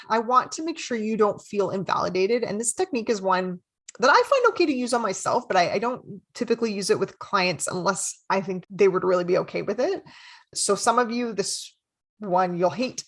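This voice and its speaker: A young adult woman, a therapist hosting a podcast, talking casually and with self-deprecating humor, then guiding a slow, gentle meditation. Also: medium pitch. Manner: friendly and self-deprecating, laughs lightly.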